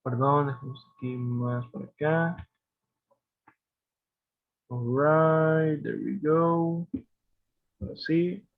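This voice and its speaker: A man's voice: a little high, fairly even intonation, drawn-out words, pauses often, dry recording. Patient male English teacher, dull sound. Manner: patient, explains step by step with frequent self-corrections. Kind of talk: online class explanation.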